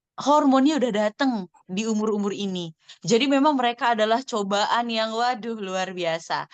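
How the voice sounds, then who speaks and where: A woman in her thirties speaking in a parenting sharing class, explaining calmly and acting out conversations between a mother and her child. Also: mid-range voice, no room sound. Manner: warm explanatory, acts out mother and child dialogue. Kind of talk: answering a question in an online sharing class.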